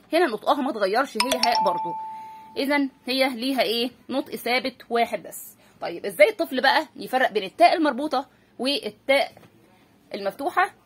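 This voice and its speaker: Husky, quick-talking Egyptian teacher woman. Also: fairly high pitch. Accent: Egyptian Arabic. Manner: explains patiently, asks and answers her own questions. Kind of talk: children's spelling lesson.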